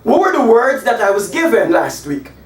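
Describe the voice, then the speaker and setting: With an extremely high-pitched voice, a Guyanese man in his forties gives an animated English class at a whiteboard, gesturing as he spells out example sentences slowly and with emphasis. A camera across the small room captures him from a distance amid echo.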